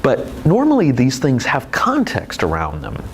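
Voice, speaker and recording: A man's voice: medium pitch, wildly swooping pitch, measured pace, husky, faint music behind, poor audio. A man teaching presentation skills in a video lecture, explaining expressively with demonstrations. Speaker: presentation instructor.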